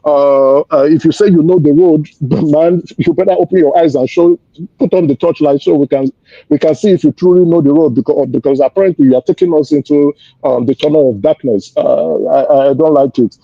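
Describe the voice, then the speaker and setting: A Nigerian man speaking as a panelist in a political debate, self-assured but often pausing and repeating his words. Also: a little high, creaky, mellow. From Lagos, Nigeria. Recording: muffled, echoey online audio.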